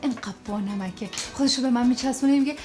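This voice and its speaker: A woman's voice: fairly high pitch, warm tone, faint music behind, natural voice. An actress playing a playful, affectionate woman teasing her lover in a film drama. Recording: film score under dialogue.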